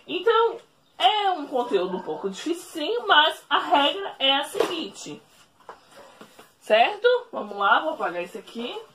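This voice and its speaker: A woman teacher explaining a lesson at a whiteboard, speaking slowly, repeating each rule and checking in with the class. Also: high-pitched, big pitch swings, a bit bright, a little hiss or hum. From Brazil. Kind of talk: recorded remote classroom lesson.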